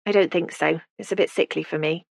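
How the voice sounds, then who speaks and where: A woman's voice: low voice, steady tone, brisk, creaky, breathy edge, dry recording, clean studio sound, heavily acted. A woman voicing a polite, guarded young woman in an audiobook.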